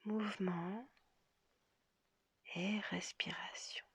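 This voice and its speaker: A yoga nidra guide leads listeners into relaxation, her medium-pitched voice soft, gentle and half-whispered with a breathy quality. Intonation stays fairly even, broken by long, deliberate pauses.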